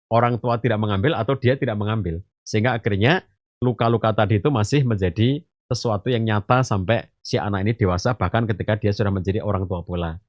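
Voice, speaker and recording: A man's voice: on the low side, quick pace, dry recording. A man, an Islamic teacher on a podcast, giving a parenting talk and explaining through homely stories and analogies, addressing listeners as fathers and mothers and often saying "gitu" and "eh". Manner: addresses listeners as ayah bunda; frequent filler gitu and eh. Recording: dry, slightly muffled.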